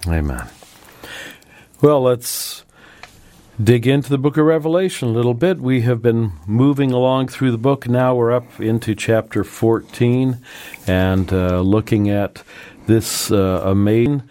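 A man hosting a religious radio program, telling a story in a gentle, measured way and then talking with a guest. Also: mid-range voice. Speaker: radio Bible program host.

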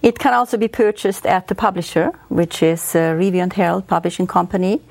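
A woman from Switzerland, a native German speaker, answers interview questions in a fairly low voice. She is thoughtful and often pauses with small fillers. The recording is very dry and close. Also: gravelly, a little mellow, no echo. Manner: thoughtful, with many hesitations. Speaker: music professor, guest.

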